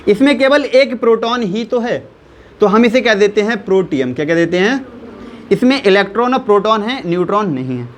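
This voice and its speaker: A man's voice: high-pitched, lively intonation, a little hiss or hum. A man teaching a chemistry lesson, repeating key terms and asking his listeners questions as he goes. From India. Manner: slows down to spell out values step by step.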